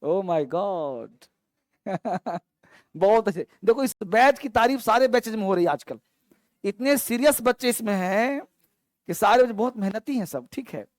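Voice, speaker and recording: A male teacher drilling a class on vocabulary, saying each word slowly and then giving its meaning, and calling students up to answer. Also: high-pitched, dry recording. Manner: quizzes students, calling on them to stand. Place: classroom with an online stream.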